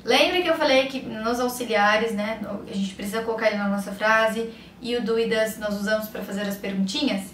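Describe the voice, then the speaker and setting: A woman with a Brazilian Portuguese accent teaching an English grammar lesson. She explains patiently, checks in with her listeners often and says the English examples slowly and clearly. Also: a little high, a bit bright, recorded from a distance. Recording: roomy echo, a little off the mic, faint room hum.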